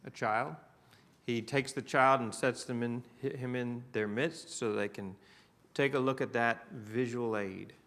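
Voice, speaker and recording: Man, Southern US accent, church Bible class teacher, conversational, asks the class questions, mid-pitched voice. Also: fairly even intonation, a little slow, fairly bright tone.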